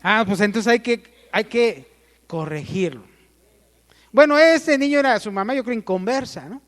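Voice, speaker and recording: A man's voice: sits high, expressive, a little slow, a bit bright, long reverb tail. A man with a Mexican accent preaching a sermon, asking the congregation questions and calling for amens.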